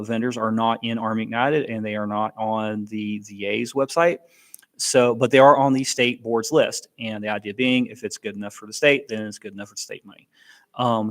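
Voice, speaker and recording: A man presenting an informal briefing on education benefits, explaining plainly with frequent ums and restarts. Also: fairly low pitch.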